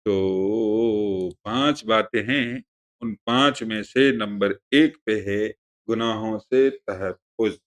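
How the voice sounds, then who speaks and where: A man giving a religious lesson to a class, explaining terms in a conversational, digressive way and repeating himself to make points clear. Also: lowish voice, takes it slowly. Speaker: religious teacher.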